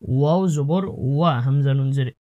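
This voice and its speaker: A man teaching Quran recitation in a lesson, spelling each syllable and then chanting the whole word in a slow, drawn-out way. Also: medium pitch, fairly even intonation, dark tone, highs cut off.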